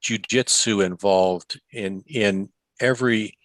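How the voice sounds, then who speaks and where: A man who is an investigative journalist, speaking in a webinar in a measured, matter-of-fact way with um and uh pauses. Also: lowish voice, fairly bright tone, dry recording. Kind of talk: webinar talk.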